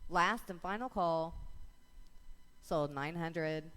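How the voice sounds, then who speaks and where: Woman auctioneer with a clear, rapid chant. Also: lowish voice, a bit bright. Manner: repetitive, rhythmic calling of numbers. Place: live car auction.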